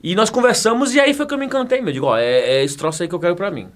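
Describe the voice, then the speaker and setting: This high-sitting, fairly bright male voice comes out rapid-fire. The speaker is a Bahian federal police chief and teacher in his 40s, chatting casually as an interview guest, laughing and joking a lot and repeating himself.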